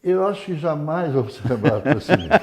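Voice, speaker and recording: A man São chatting casually as an interview guest, in short phrases. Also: on the high side. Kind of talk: casual conversation.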